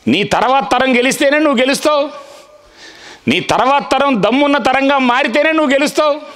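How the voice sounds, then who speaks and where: Fiery high-pitched man rallying a crowd. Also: a bit bright. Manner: fiery, repetitive, calls on the crowd to answer. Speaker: public speaker. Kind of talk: rousing speech at a village meeting.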